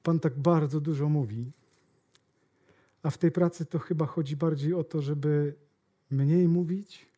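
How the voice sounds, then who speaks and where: A man putting on the voice of a calm, dry company boss who speaks low, quietly and in a measured way.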